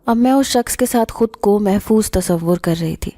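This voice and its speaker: A woman narrates a horror story in the first person with a steady, measured delivery. Her voice is dark and mellow. The recording is dry and close, with no room sound. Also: medium pitch, no room sound.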